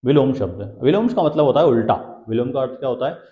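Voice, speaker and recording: Talking fast with lively intonation, a man with a mid-range voice runs a Hindi grammar exam-prep lesson. He quizzes and answers himself, drilling the key terms, and the room sounds dull and echoey.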